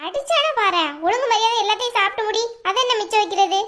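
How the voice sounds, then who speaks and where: Woman doing a nagging older cartoon aunt, very high and commanding. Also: expressive, fast, bright, forceful tone, full character voice. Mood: scolding. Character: bossy older aunt who scolds and fusses. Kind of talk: cartoon voice acting.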